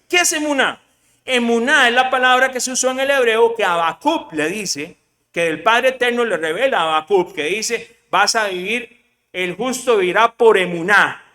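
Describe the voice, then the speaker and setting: Pastor, male, high bright voice, lively questioning sermon delivery, long hall reverb. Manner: lively preaching, rhetorical questions to the congregation, mixes in English words.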